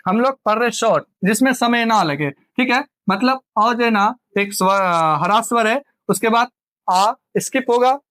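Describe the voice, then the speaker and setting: A man's voice: very high voice, normal speed, a bit bright, dry recording. A man teaching a grammar lesson, who repeats points and asks and answers his own questions. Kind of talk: exam coaching lecture.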